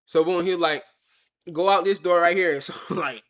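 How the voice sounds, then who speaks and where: A young man, telling a story to his live chat on a webcam mic and acting out the other people's lines with lively energy. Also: high voice, a little fast. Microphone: webcam or phone on a stand.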